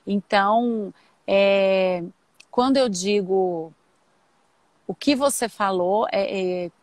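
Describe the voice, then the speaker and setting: A woman's voice: mid-range voice, slow pace, a little mellow, dry recording. A woman explaining ideas in a casual teaching chat, thinking aloud and often restarting her sentences. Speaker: co-host explaining nonviolent communication.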